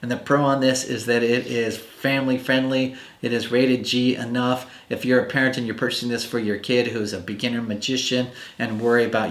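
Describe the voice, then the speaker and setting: A man's voice: medium pitch, fairly bright tone. A man giving a casual, rambling video review of a magic product, full of ums and uhs. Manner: chatty, rambling with many fillers. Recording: roomy echo.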